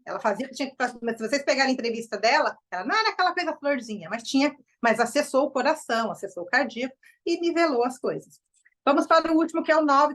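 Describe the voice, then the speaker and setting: A middle-aged Brazilian woman gives an informal lecture, her words tumbling out at a quick clip. Her voice sits a little high, and she keeps things lively and animated for the group. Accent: Brazilian Portuguese. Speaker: enneagram presenter.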